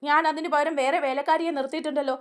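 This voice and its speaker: A woman's voice: sits high, fairly even intonation, racing, pitched above the performer's own voice, natural voice. A woman voicing a stubborn middle-aged mother who talks in an indignant, defensive, bitter way. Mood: dismissive.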